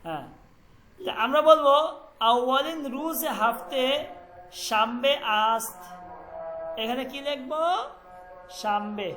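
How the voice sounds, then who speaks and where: Slow-paced, high-voiced male language teacher. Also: animated, bright, forceful tone, soft background music, poor audio. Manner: slow, repetitive, asks students to repeat. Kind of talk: online language class in Bengali.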